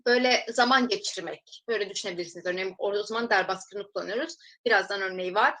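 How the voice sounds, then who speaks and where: A woman teaching a recorded language lesson, explaining step by step, reading example sentences slowly and then translating them for viewers she calls friends. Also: mid-range voice, a bit bright, poor audio.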